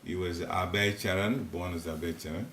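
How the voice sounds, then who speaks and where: An older man from Ghana leads a devotional class in a private living room, speaking in a Ghanaian accent with a deep, fairly bright voice, fairly even intonation, and moderate pace. His spiritual teaching is informal, chatty, and rambling, marked by chuckling asides. He is seated and recorded from a distance by a room recorder, with roomy sound and faint hiss.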